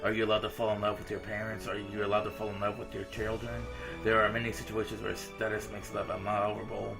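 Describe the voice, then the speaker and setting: Over game music, a man quickly reads visual novel dialogue aloud for a gaming video, tossing in casual reactions. His low, gravelly voice stays fairly flat and informal.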